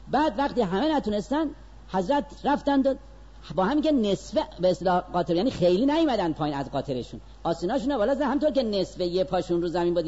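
A man preaching in a storytelling lecture, his voice sitting high and leaping up and down as he narrates. He lingers on slow, weighted phrases and then rushes through asides. The sound is dull and lo-fi. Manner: animated, swings between slow stressed phrases and quick asides. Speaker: religious lecturer.

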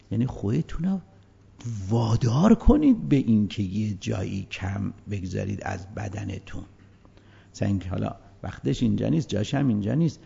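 A man giving a colloquial religious lecture, moving between hushed asides and emphatic, raised passages, on a dull lo-fi recording. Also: mid-range voice, gravelly, breathy edge.

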